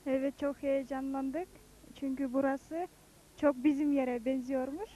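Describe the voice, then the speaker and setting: A young woman from Kyrgyzstan with a Kyrgyz accent, a student answering interview questions in broken, halting learner's Turkish. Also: sits high, little pitch movement, dark tone, poor audio. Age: young adult. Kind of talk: informal on-camera interview.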